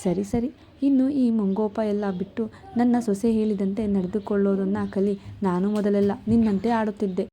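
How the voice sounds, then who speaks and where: A woman's voice: mid-range voice, fairly even intonation, moderate pace, mellow, slight background noise, lightly acted. A woman voicing a jovial middle-aged father who jokes and teases. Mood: teasing. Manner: joking, teasing.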